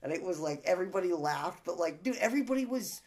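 A man's voice: high-pitched, animated, fast talker. A man from Canada, a podcast guest, telling loose stories in casual chat with lots of swearing and filler words.

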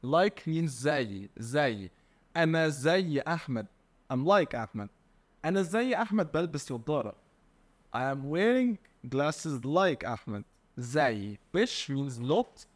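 A man's voice: medium pitch, expressive, a little fast. A man with an Egyptian Arabic accent, teaching in a conversational lesson, explaining words didactically with repetition and translated examples. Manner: didactic, repeating key words and translating them.

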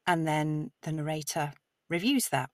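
A woman's voice: deep voice, a little slow, dry recording. A woman who narrates audiobooks, explaining her craft with enthusiasm in a podcast interview. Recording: slightly distant mic, dry sound.

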